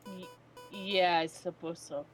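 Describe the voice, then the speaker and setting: A woman's voice: fairly low pitch, fairly even intonation, slow pace, soft background music. A woman voicing a polite, slightly flustered male sparrow assistant in a video game, courteous and hesitant. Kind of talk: video game character voice read aloud.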